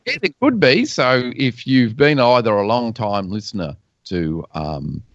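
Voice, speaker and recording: A man's voice: mid-range voice, expressive, a little slow, no room sound, muffled recording. A man hosting a podcast, chatting casually and rambling with plenty of fillers and restarts. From Australia. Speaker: podcast host. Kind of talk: casual chat.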